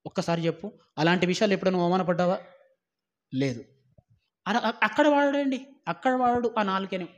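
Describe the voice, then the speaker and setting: A man preaching a sermon, scolding and warning his listeners with many rhetorical questions, swinging between loud exhortation and low, quiet warnings. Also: brisk, pauses often, highs cut off.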